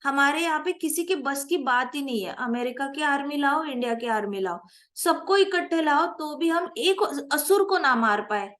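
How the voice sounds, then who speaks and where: Woman, high voice, animated scripture teacher. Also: normal speed. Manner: animated, mixes English phrases into Hindi teaching, asks class questions. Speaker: spiritual teacher. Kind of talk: scripture class lecture.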